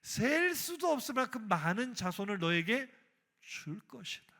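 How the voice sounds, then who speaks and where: A man voicing God as a calm, fatherly figure who speaks gently and reassuringly. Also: sits high, creaky, voice pushed up, heavily acted. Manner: gentle, measured, soothing.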